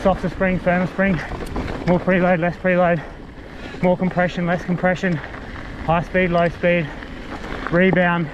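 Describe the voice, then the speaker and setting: A man with a high, level voice speaks a little slowly, leaving long pauses, as he mountain bikes along a bushland trail. His gear commentary is casual, laid-back and fragmented. Recorded on an action camera worn while riding, the audio is muffled and loud with wind and trail noise.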